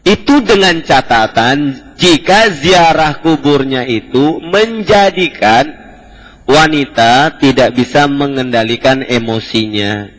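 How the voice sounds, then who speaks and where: A man's voice: medium pitch, expressive, slow pace, fairly bright tone. Male preacher in an echoing mosque hall. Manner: explanatory, slips into casual colloquial asides. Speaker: preacher teaching hadith. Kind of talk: Islamic study lecture.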